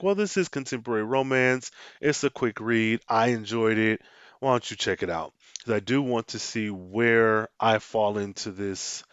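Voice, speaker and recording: On a muffled recording with no room sound, a man hosts his own casual podcast in a smooth, lowish voice. He's animated, often starts sentences over, and acts out quotes mock-dramatically.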